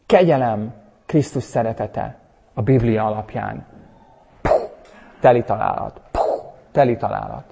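A man preaching a sermon and leading a prayer, emphatic and animated, with sudden loud bursts. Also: on the low side, pauses often, background noise. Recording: husky voice in a long-reverb hall.

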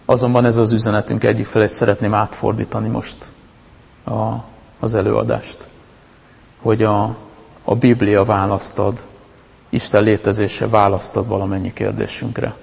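Male preacher, conversational sermon delivery, gravelly texture, long hall reverb. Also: fairly low pitch, level tone. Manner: conversational, with many restarts and fillers. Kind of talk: informal sermon talk.

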